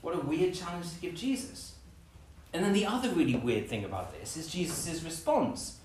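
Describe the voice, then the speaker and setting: A man preaching a lively sermon, acting out scenes with playful voices. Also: fairly high pitch, moderate pace, a little hiss or hum. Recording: echoey room, from a distance.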